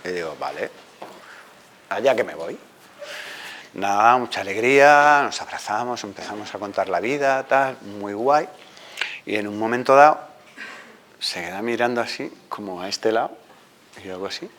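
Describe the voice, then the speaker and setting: A filmmaker from Ceuta telling a comic story to a live audience, acting out the characters and teasing the listeners. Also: male voice, lowish voice, normal speed, slight background noise. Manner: animated, acts out characters, teasing. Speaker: filmmaker and screenwriting teacher.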